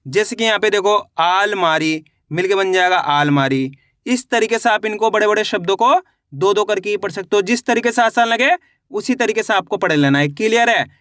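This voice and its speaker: Male tutor, high bright voice, slow drawn-out spelling drills. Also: expressive, no echo, clean studio sound. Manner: slow, drawn-out syllable-by-syllable spelling with repeated checks. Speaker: Hindi reading teacher. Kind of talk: online reading lesson.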